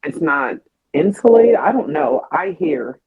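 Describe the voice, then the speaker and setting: Husky woman over thin phone-like audio. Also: low-pitched, a little slow. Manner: animated storyteller. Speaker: podcast co-host. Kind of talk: casual chat.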